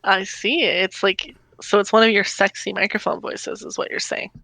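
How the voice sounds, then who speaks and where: A woman's voice: mid-range voice, little pitch movement, moderate pace, gravelly, bright, forceful tone, no room sound. A woman co-hosting a podcast, playful and laughing often in casual chat. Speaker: podcast co-host.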